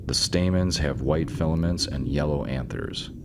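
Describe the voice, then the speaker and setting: Over a faint background hiss, a strikingly deep-voiced man reads the narration for an educational nature film. He keeps a steady, measured rhythm and an informative scripted tone, dropping in the odd dry remark.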